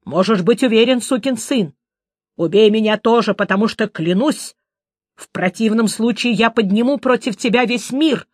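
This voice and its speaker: A woman's voice: fairly high pitch, normal speed, darkish tone, no echo, studio quality, lightly acted. A woman voicing a frightened yet defiant young male poet who speaks in a heated rush.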